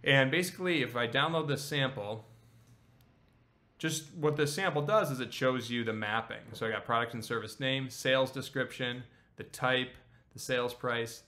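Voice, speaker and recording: A man in his thirties teaching accounting software on a screen share, casual and explanatory, often checking in with "okay?". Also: mid-range voice. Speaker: accounting instructor.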